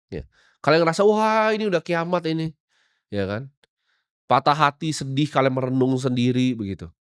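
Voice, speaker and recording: A man's voice: fairly high pitch, no echo, studio quality. A young man with giving a brash, lecturing motivational talk that drops in English phrases. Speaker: motivational speaker. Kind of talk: blunt motivational monologue.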